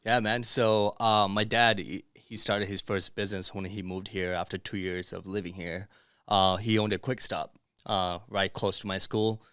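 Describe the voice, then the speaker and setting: His voice is lowish and a bit bright, delivered flatly at normal speed in a clean recording with no echo. A podcast guest from Miami by way of Bangladesh and Dubai, he chats informally in a casual interview, dropping slang like "bro" and "dude."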